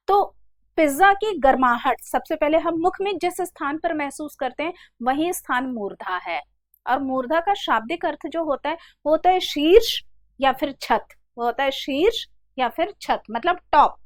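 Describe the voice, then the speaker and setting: High-voiced woman teaching grammar. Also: dry recording, studio quality. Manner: explains step by step, calls students "beta"; slowly sounds out letters one by one. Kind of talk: classroom lesson.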